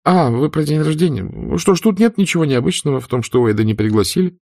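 A high, raised voice of an impatient young Southern lady, put on by a man reading an audiobook. She scolds and snaps, exasperated. The recording is dry and close. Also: animated, fast talker, creaky, darkish tone, no echo. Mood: dismissive. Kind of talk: audiobook character voice.

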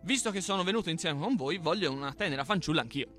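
A man's voice: lively intonation, fast talker, faint music behind. A man reading a folk tale aloud, putting on the raised, pleading voice of a stubborn boastful old man. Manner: loud, pleading, high-pitched put-on.

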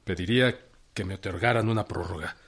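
Zapata, a husky firm general. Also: male voice, sits low. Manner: calm and deliberate, with chuckles. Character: firm, plain-spoken revolutionary general, middle-aged. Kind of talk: radio drama acting.

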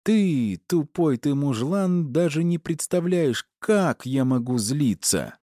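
Мужчина изображает разъярённую богиню-жену. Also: male voice, a little high, wildly swooping pitch, normal speed, a little mellow, dry recording, clean studio sound, pitched above the performer's own voice. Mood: raging. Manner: screaming insults, hissing sarcasm. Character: furious young goddess wife, shrill and cursing.

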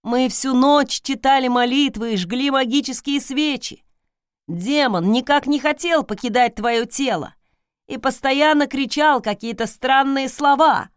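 A woman's voice: sits high, unhurried, smooth, dry recording, clean studio sound. A woman voicing a devoted young man, who sounds eager and emotional. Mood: overjoyed.

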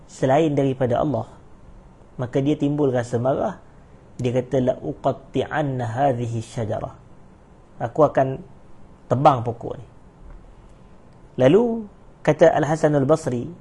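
A man's voice: mid-range voice, mellow, breathy edge. A man with a Malaysian Malay accent giving a religious study-circle lecture, reading Arabic text aloud and then explaining it to the congregation. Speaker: religious teacher.

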